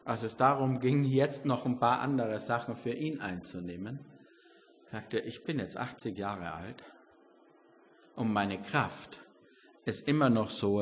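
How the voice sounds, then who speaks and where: An older man delivers a sermon in a church hall, and his voice rings with a long reverb. He speaks slowly and with lively, wide-ranging pitch. He shifts between loud, emphatic exclamations and quiet, reflective passages. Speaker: preacher.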